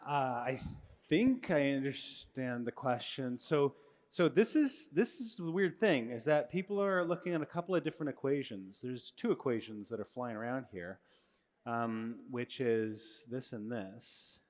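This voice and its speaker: With a mid-range, expressive voice at a slightly slow pace, a middle-aged man gives students a live physics lecture in a large hall. He speaks into a handheld mic, explaining in a relaxed way and correcting himself as he goes, amid the hall's long reverb.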